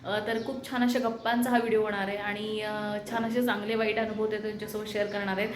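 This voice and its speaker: A woman's voice: mid-range voice, level tone, fast, reverberant, slight background noise. A woman hosting her vlog, introducing the video and asking her guest short questions. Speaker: vlog host.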